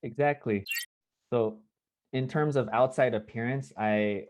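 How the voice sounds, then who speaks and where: A Korean-born man interviews over a video call in an even, mid-pitched voice. He talks in a measured, conversational way, often pausing to rephrase. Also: highs cut off, slight background noise. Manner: measured, self-correcting, conversational.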